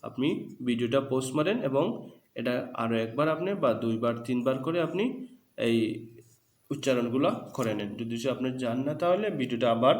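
A man's voice: mid-range voice, fairly quick, roomy sound. A man with a Bangladeshi Bengali accent teaching Arabic letter reading, patiently repeating syllables for learners to copy.

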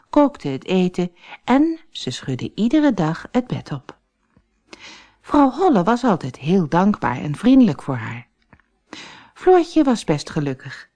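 A woman reads a fairy tale aloud for children, slowly and carefully. Her voice is fairly low but swings widely in pitch, bringing the story to life. The telling is clear and expressive. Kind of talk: scripted storybook narration.

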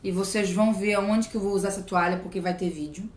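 A woman's voice: medium pitch, fairly even intonation, quick pace, roomy sound. A woman from Brazil, chatting casually and gushing as she opens mail at home. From southern Brazil. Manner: gushing, exclamatory, playful. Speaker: vlogger opening mail. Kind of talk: casual unboxing chat.

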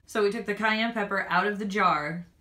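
A woman's voice: medium pitch, moderate pace, pushed and bright. A woman co-hosting a casual taste-test vlog, reluctant and often giggling. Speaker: vlog co-host.

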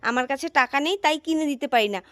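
A woman's voice: high-pitched, very fast, fairly bright tone, dry recording, clean studio sound. A woman playing a coaxing neighbourhood aunt in a comedy skit.

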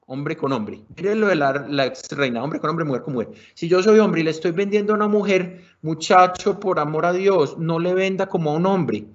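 Speaking Colombian Spanish in a voice on the high side, a male sales trainer leads an animated online session. He shifts loudness and tempo to drive points home and casually addresses everyone as "muchachos" over somewhat muffled, lo-fi call audio.

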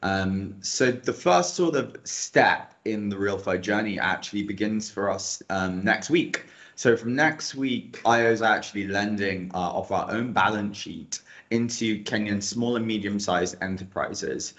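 A man's voice: fairly low pitch, unhurried, a bit bright. A man in his thirties, a guest on a video call, explaining plans in an upbeat way with frequent ums. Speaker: guest, operations director. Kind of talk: answering questions on a video call. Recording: dull lo-fi video call audio.

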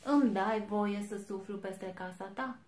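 A woman's voice: medium pitch, a little mellow, natural voice. Little good wolf boy with a thin voice, earnest, played by a woman in a storybook reading; echoey room. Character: small good-natured young male wolf. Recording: echoey room, faint noise.

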